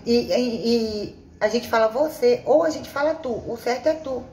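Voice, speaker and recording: A woman's voice: on the high side, normal speed, a little mellow. Chatty woman telling stories in an echoey room. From Bahia, Brazil. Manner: chatty, rambling, many restarts. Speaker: vlogger. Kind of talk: casual personal storytelling. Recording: echoey room with faint ambient noise.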